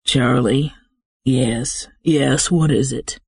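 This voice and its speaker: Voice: mid-range voice, drawn-out words, creaky, slightly rough, dry recording, studio quality, pitched below the performer's own voice, heavily acted. An audiobook narrator voicing an impatient, worried husband demanding answers on the phone.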